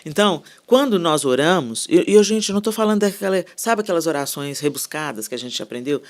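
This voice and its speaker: A woman speaking as a podcast guest, talking about faith in an animated, conversational way and often checking in with her listeners. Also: sits low, fast. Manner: animated, repetitive, asks listeners "né?" and "entendeu?". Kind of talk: casual faith talk on a podcast.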